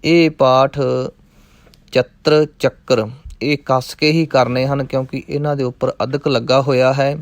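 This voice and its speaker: A man teaching scripture recitation, chanting each verse in a measured way and stopping to explain pronunciation. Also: mid-range voice, little pitch movement, no echo. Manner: measured chanting of verses, then quick spoken corrections. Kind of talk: slow line-by-line recitation lesson with pronunciation notes.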